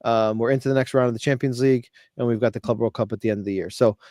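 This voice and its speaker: A man's voice: medium pitch, racing, dry recording, studio quality. A man hosting a casual football podcast, talking things through and quoting others at length. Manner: animated, quotes others at length. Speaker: podcast host.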